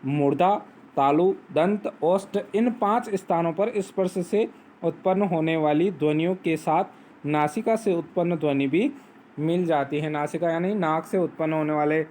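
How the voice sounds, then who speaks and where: Male teacher with a high, unhurried voice who poses questions and answers them himself; faint background noise. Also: darkish tone. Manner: explains step by step, asks and answers own questions; recites Sanskrit sutras slowly. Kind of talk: Hindi grammar lesson on phonetics.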